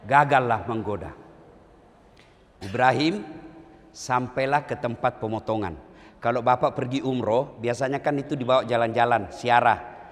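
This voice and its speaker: Pria penceramah dari Sulawesi Selatan, berlogat Sulawesi Selatan, suaranya nyaring dan tajam. Ia jenaka dan kadang berseru lantang, dengan gema panjang dari pengeras suara di acara besar. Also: male voice, mid-range voice. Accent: South Sulawesi Indonesian. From South Sulawesi, Indonesia. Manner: joking, rising to loud emphatic bursts. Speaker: preacher. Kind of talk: humorous sermon to a large crowd. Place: large public religious gathering. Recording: long reverb from a large venue.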